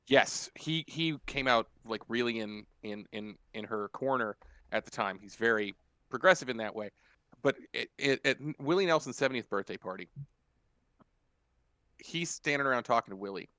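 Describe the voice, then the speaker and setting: A podcast co-host telling a story in casual chat, animated and profane, acting out the quotes in loud bursts. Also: male voice, medium pitch, normal speed, clear, resonant tone, dry recording.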